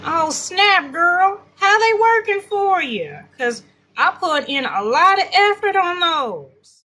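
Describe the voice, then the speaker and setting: A woman's voice: extremely high pitch, sing-song, slow pace, sharp tone, full character voice. A woman voicing a sassy, self-promoting cosmetics entrepreneur, brash and slangy, as a guest in a comedy interview. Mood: sassy, boastful.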